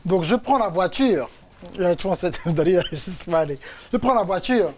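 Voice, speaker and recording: A man's voice: sits high, normal speed, a little hiss or hum. A man from France, a coach giving a motivational faith testimony and acting out the people in his stories. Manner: animated storytelling, acts out quotes. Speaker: coach and speaker.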